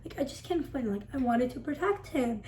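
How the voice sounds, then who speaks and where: A woman's voice: sits high, expressive, quick pace, darkish tone, poor audio. A woman vlogger telling a storytime in a dramatic, breathless way, filling it with "like". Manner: breathless, dramatic retelling packed with "like". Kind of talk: storytime vlog.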